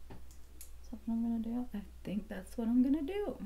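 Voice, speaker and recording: This beauty vlogger, a woman in her thirties, chats casually through a makeup tutorial at home, rambling and thinking aloud with plenty of fillers. Her fairly high, mellow voice is very animated and moves at a moderate pace.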